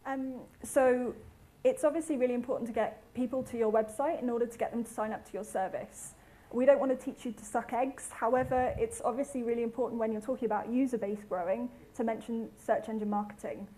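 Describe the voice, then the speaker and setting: A woman's voice: fairly high pitch, steady tone, a little fast, mellow, low-quality recording. A woman from the UK, giving a rehearsed conference presentation with brief fillers. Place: conference hall.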